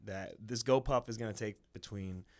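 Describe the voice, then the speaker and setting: A man in his thirties, a stand-up comedian from South Carolina and Ohio, telling animated stories and swearing freely as a podcast guest. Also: on the low side, normal speed. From South Carolina, then Ohio. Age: 30s. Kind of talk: casual chat.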